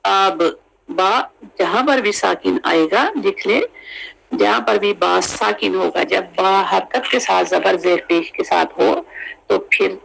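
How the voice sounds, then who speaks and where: Gravelly slow-spoken recitation teacher. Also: medium pitch, a bit bright, rough recording. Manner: drills syllables slowly, repeating each sound many times; mixes in English teaching terms. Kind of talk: tajweed lesson.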